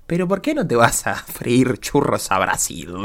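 A man's voice: medium pitch, sing-song, unhurried. Playful Rioplatense man teaching a lesson. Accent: Rioplatense Spanish. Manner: playful and jokey, mixing two languages. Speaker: language teacher and podcast host. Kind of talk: podcast language lesson.

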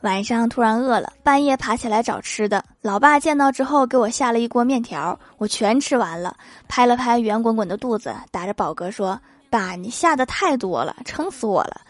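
A woman hosting a comedy show, reading jokes aloud with lively delivery and laughter between them. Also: fairly high pitch, fairly quick, few pauses, no room sound. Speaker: host of a comedy joke show.

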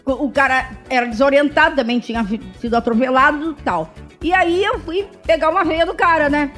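A woman's voice: sits high, brisk, a bit bright, faint music behind. A woman with a Brazilian Portuguese accent telling anecdotes in casual, blunt, slangy chat.

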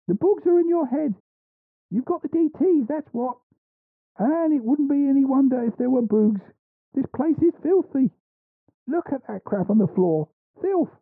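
A man voicing a coarse older landlady who berates her tenants in a high, shrill voice. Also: no room sound, narrow, tinny audio, full character voice.

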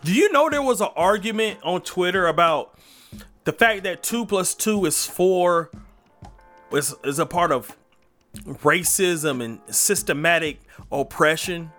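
A man's voice: sits high, animated, a little slow, a bit bright, soft background music. A young man hosting his own faith podcast, speaking in an emphatic, hype, preachy manner into a podcast microphone. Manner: hype, sing-song intro then preachy, emphatic delivery. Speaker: podcast host. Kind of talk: energetic faith podcast monologue.

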